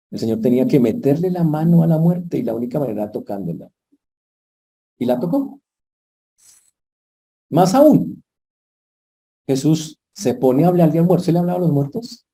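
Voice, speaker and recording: Animated pastor with dark voice. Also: male voice, on the high side, moderate pace, long pauses. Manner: animated storytelling, sudden loud peaks and soft asides. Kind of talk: sermon.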